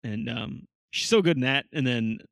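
A man's voice: medium pitch, normal speed, vocal fry, fairly bright tone, no echo, clean studio sound. Swearing, chatty man reviewing a show. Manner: swears a lot, loose and chatty. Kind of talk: casual chat reviewing a TV show.

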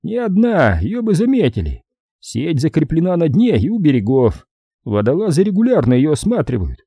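A man's voice: fairly high pitch, huge pitch swings, normal speed, warm tone, breathy edge, dry recording, dull audio, pitched above the performer's own voice, heavily acted. A man voicing a businesslike male colonel in an audiobook, listing facts plainly. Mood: matter-of-fact. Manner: matter-of-fact, listing.

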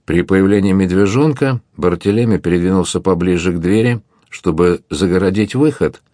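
Low-voiced man narrating an adventure audiobook. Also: moderate pace, warm tone, no echo, clean studio sound.

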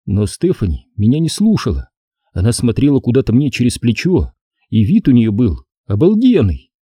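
A man narrating a children's spooky story in the first person, expressive and lively in his phrasing. His voice is deep-toned and mellow with a husky grain. The recording is close and dry, with no room around it. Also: moderate pace, no echo. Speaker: audiobook narrator.

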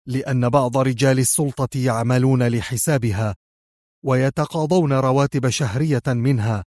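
A man's voice: mid-range voice, a little mellow, no room sound, clean studio sound, lightly acted. A man voicing a smug male impostor who answers with arrogant mockery. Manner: arrogant, mocking. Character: smug man mimicking a crime boss.

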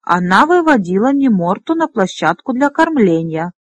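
A woman's voice: medium pitch, very animated, normal speed, no room sound. A woman voicing a stubborn, grumpy older male dragonrider who answers curtly, in a fantasy audiobook. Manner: curt and stubborn.

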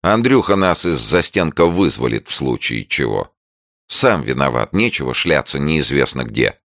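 A man voicing a brash, teasing young woman who talks back loudly in an audiobook. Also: rumbling low, big pitch swings, moderate pace, dry recording, studio quality, exaggerated voice. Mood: vengeful. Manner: brash, mocking, loud. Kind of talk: audiobook character voice.

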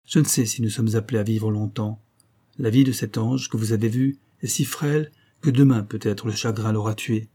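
A man's voice: lowish voice, moderate pace, breathy edge. A man playing a stern, unmoved husband. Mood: severe. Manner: calm, severe and detached.

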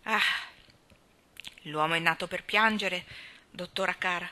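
A woman's voice: unhurried, sharp tone. A woman voicing a fussy, dramatic older housekeeper who laments her troubles. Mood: fretful. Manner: lamenting, raised pitch.

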